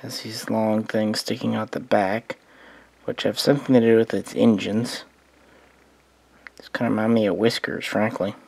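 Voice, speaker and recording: A man giving a relaxed, meandering spoken overview of his collection of model starships, thinking aloud as he goes. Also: fairly low pitch, normal speed, creaky, no echo. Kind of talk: casual hobby overview.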